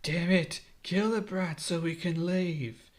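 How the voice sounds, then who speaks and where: A man's voice: on the high side, a little slow, lightly acted. A man voicing a cruel, sneering adult bandit leader. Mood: shouting. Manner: sneering, mocking.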